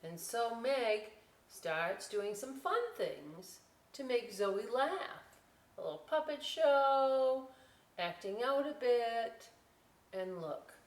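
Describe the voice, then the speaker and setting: Reading a picture book to children at story time, a librarian talks through the illustrations in a chatty, conversational way. She speaks slowly in a slightly high voice with big pitch swings, and the distant mic sounds roomy with noticeable noise.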